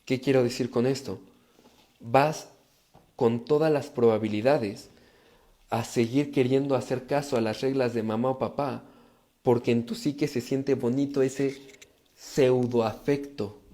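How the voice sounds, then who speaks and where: A man giving an emphatic, animated live talk as a personal growth speaker, reading viewer comments and speaking directly to his audience. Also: medium pitch, a little slow.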